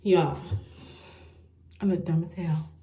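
A woman's voice: fairly low pitch, steady tone, takes it slowly, mellow. A young woman doing a casual get-ready-with-me beauty vlog, talking straight to her viewers and sounding frustrated and self-mocking as she struggles. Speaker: beauty vlogger.

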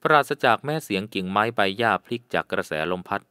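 A man narrating a jungle adventure audiobook in a measured, suspenseful way. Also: lowish voice, pushed and bright, smooth, no room sound, clean studio sound.

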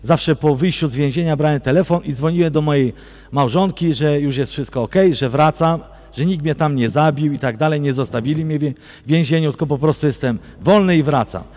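A man sharing a religious testimony with a church audience, telling his story and turning to listeners with direct questions, going soft and low when he reflects. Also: fairly quick. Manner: addresses listeners directly, often asking "wiecie co?". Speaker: guest giving a religious testimony. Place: large basilica church. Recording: long church hall reverb.

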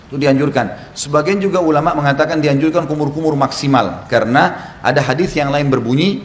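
A male Islamic preacher giving a lecture, explaining and demonstrating each step with gestures and counting slowly. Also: on the high side. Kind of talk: religious lecture demonstrating steps. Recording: echoey room with faint noise.

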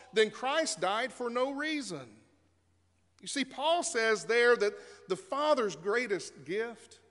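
High, bright-voiced pastor in echoing sanctuary. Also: male voice. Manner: conversational storytelling with fillers. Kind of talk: sermon. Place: church sanctuary. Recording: long reverb of a church sanctuary.

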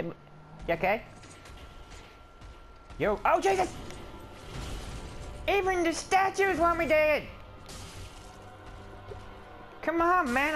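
A man's voice: high voice, fairly bright tone, exaggerated voice. Guy doing a jittery little dude from a game, whiny, stammers a lot, voice jumps all over. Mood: grumbling, then panicked. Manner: rambling, stammering, yelping in alarm. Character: skittish, whiny little male adventurer, easily startled. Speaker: gameplay commentator. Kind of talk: in-character let's play commentary.

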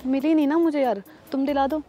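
Fast, high-voiced cheeky young woman. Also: steady tone, warm tone, soft background music.

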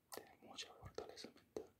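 A man in a whispered role-play as an affectionate boyfriend, speaking tenderly and intimately in a soft, breathy whisper close to the microphone. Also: very high-pitched. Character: affectionate, doting boyfriend murmuring sweet praise. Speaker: ASMR performer playing a boyfriend. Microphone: close-up microphone, at the ear.

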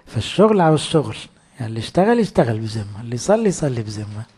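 A man's voice: mid-range voice, sing-song, very fast, dark tone, husky. A man with an Egyptian accent preaching a sermon in a conversational way, full of rhetorical questions. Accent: Egyptian Arabic.

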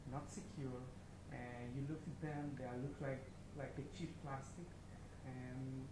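Israeli founder, mid-age, hesitant and filler-heavy; handheld mic in a large noisy open-plan room. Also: male voice, mid-range voice. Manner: halting, many fillers, non-native phrasing. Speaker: startup founder presenting. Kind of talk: meetup talk. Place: large open-plan office event space. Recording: echoey room with background noise.

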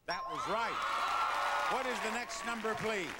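A man's voice: high-pitched, moderate pace. A man hosting a live game show, repeating his phrases and making teasing asides to contestants. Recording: TV studio with loud crowd and music. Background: audience noise and music.

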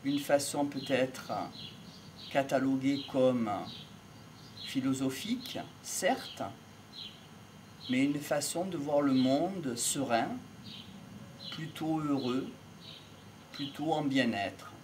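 Outdoors by trees in an open field, with some background noise and birds, a middle-aged man delivers an improvised reflective monologue as an amateur lecturer on psychology and philosophy. His medium-pitched, darkish voice comes unhurried and halting, with pauses between short phrases, into a small wired mic held near his mouth.

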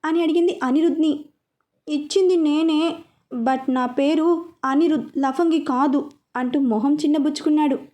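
A woman tells a serialized story aloud, reading each character's lines without changing her voice much. Her voice sits high and has a warm, mellow tone. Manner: reads all characters' lines in her own voice. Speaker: narrator. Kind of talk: storybook narration with voiced dialogue.

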